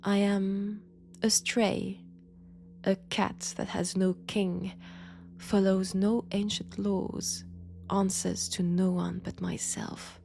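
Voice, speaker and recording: Slow and flat in delivery, this woman's darkish mid-range voice brings an ancient vampire to life, seductive and menacing, for an intimate roleplay. Her French-accented lines are breathy and slip into whispers, sounding amused and proud over slight background noise.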